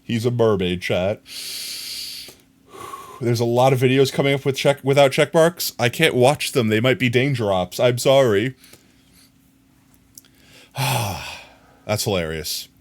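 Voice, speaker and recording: A man streaming live, chatting to his viewers and riffing on funny clips in a relaxed, amused way. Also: mid-range voice, a little slow, long pauses. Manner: chatty, amused, talks to chat. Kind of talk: casual live-stream commentary.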